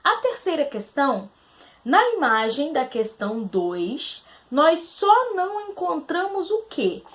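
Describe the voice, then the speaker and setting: A woman teacher from Brazil going through quiz answers, asking questions aloud, answering them herself and spelling out syllables slowly. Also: sits high, big pitch swings. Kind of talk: recorded grammar lesson.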